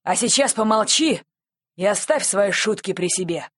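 A woman's voice: mid-range voice, animated, moderate pace, a bit bright, no room sound, studio quality. A woman voicing a curt male policeman who cuts off a thief's jokes, with a slightly raised voice.

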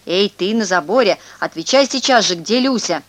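A woman's voice: mid-range voice, expressive, normal speed, dry recording, close to an everyday voice. A woman reading a children's story aloud, voicing a stout man who bellows accusations in a raised voice. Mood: angry shouting. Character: boisterous stout man, furious and shouting.

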